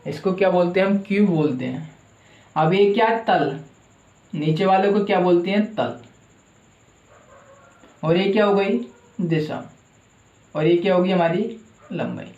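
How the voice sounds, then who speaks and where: A man's voice: high voice, unhurried, long pauses, a little mellow, roomy sound, muffled recording. A male teacher giving a classroom lecture who asks his own questions and answers them, repeating the key terms.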